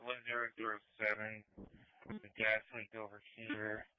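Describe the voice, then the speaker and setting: A man's voice: on the low side, monotone, a little slow, clear, resonant tone, no echo. A man, an emergency responder, speaking over a public safety radio in terse codes and call numbers. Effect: heard over a public safety radio. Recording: tinny narrow radio transmission.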